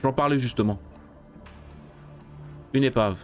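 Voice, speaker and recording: Here a male streamer talks through a let's-play at a measured pace, his mid-range voice a touch mellow, with faint music in the background. Easily spooked, he addresses the creatures on screen and lets out yelps when caught off guard.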